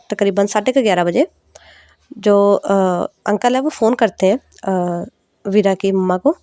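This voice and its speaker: A woman's voice: medium pitch, dark tone, no room sound. A woman telling a love story in a chatty, loose way, full of fillers. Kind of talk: casual spoken storytelling.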